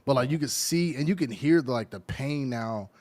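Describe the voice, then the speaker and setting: A man's voice: mid-range voice, normal speed, no room sound. Man, American accent, podcast co-host, casual chat, laughs a lot, dry close sound. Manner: loose and animated, lots of fillers, laughs often.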